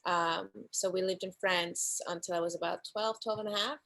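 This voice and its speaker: Woman guest on a video call, animated storyteller, laughs often, casual interview chat. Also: fairly low pitch, normal speed, vocal fry, poor audio. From Dominican Republic. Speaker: guest actress.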